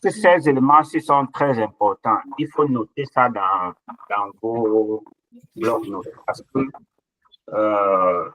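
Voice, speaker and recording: A man's voice: medium pitch, a bit bright, rough recording. A man patiently explaining letter sounds in an online language lesson. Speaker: language teacher. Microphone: online session microphone.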